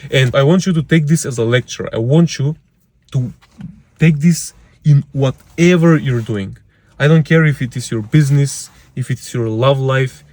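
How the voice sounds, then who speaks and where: A man's voice: mid-range voice, darkish tone, dry recording. A young man giving a casual motivational monologue, blunt and slangy, swearing and calling the listener bro, stacking up repeated phrases for emphasis. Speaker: motivational vlogger.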